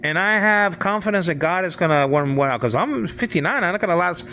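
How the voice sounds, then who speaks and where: A man of sixty giving an informal talk on faith, halting and repeating himself, often asking if the listener follows. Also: high voice, expressive, pushed and bright, slight background noise. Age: 60s. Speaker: father speaking on faith.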